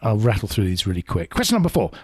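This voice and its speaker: A man's voice: lowish voice, very animated, fast talker, slightly rough. Playful male podcast host. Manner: chatty and playful, jokes, laughs often. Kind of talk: casual interview, rapid-fire questions.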